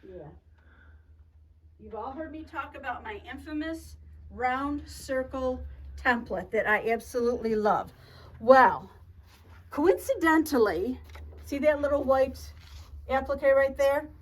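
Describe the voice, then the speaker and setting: A woman giving a casual show-and-tell tutorial on her quilting projects, chatty, talking fast and a lot with frequent restarts. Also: high voice. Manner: chatty, talks fast and a lot, self-interrupting. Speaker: quilt shop co-owner showing projects.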